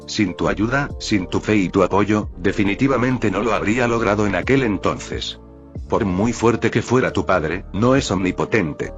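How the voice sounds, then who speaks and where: A man calmly reading a first-person fan fiction story aloud as narrator. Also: sits low. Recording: dull lo-fi audio with faint music.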